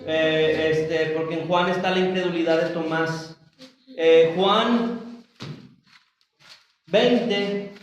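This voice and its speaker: A high-voiced man preaches a Bible study in a measured, halting way, stopping to correct himself and speak to the congregation. He is heard from some distance in a very roomy church hall. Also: steady tone, a little hiss or hum. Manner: slow, halting, with frequent restarts and asides to the congregation. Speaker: pastor.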